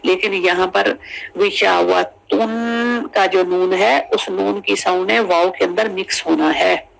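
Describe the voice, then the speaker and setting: A Quran recitation teacher giving a tajweed lesson, drilling syllables slowly and repeating each sound many times, with English teaching terms mixed in. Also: medium pitch, fairly even intonation, creaky, fairly bright tone, rough recording.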